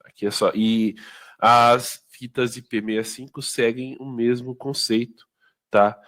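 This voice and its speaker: A man's voice: medium pitch, flat delivery, unhurried, fairly bright tone. A man with a Brazilian Portuguese accent giving an informal sales training talk, conversational and full of tag questions and fillers. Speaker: product presenter.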